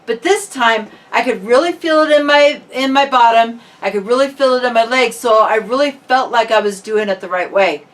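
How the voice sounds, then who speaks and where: A woman chats informally with her viewers as a fitness vlogger might, using a fairly high voice at a moderate pace with few pauses. The microphone sits some distance away.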